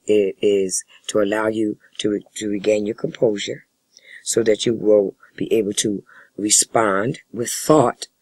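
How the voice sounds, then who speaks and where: Guy doing a family therapist role-play, lowish husky voice, formal wordy talk, real dry close sound. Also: darkish tone, no room sound, poor audio. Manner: measured, formal, wordy phrasing. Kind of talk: spoken counseling role-play demonstration.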